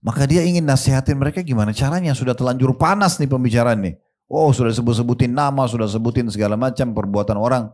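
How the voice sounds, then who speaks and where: A man's voice: medium pitch, fast, a little mellow. A man preaching a sermon, reciting Arabic verses and talking straight to his listeners. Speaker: Islamic preacher. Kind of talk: sermon to a seated congregation.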